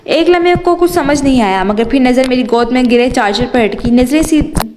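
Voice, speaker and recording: A young woman narrating an audio novel with lively first-person storytelling. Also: high-pitched, slight background noise. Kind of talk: reading an audio novel aloud. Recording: roomy echo.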